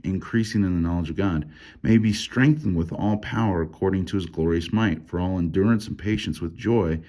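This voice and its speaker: A man leading a casual Bible study, reading verses aloud and thinking out loud about how to mark them, with lots of fillers and restarts. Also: low-pitched, brisk. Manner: reads scripture aloud between comments.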